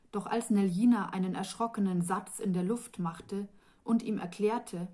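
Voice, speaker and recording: A woman author reading her own fantasy novel aloud in a calm, measured storytelling voice. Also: medium pitch. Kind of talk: audiobook fantasy narration.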